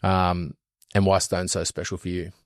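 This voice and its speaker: Encouraging podcast host, lowish voice. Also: male voice, flat delivery, dry recording, studio quality. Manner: encouraging, lots of quick affirmations. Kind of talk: casual interview.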